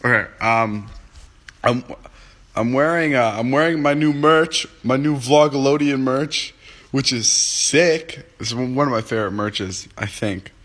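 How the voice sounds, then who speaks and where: A medium-pitched, slightly bright male voice at an unhurried pace. The speaker, a man in his twenties who has just woken and is groggy, casually chats to viewers over a phone livestream app at home, answering comments with rambling jokes.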